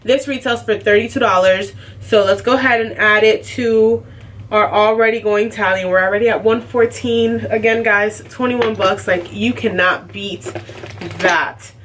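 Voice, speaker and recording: A woman's voice: medium pitch, steady tone, moderate pace, fairly bright tone. Chatty young woman vlogger, slightly distant. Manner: chatty, lots of "like" and "um". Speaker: beauty vlogger. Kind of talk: casual unboxing chat. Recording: slightly distant, faint background noise.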